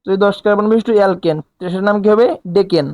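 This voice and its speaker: A man's voice: high-pitched, rapid-fire, darkish tone, clear, resonant tone, no room sound. A male chemistry teacher giving a recorded lecture, asking questions and answering them himself and counting aloud, in a casual colloquial way. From Bangladesh. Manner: colloquial, dialect forms.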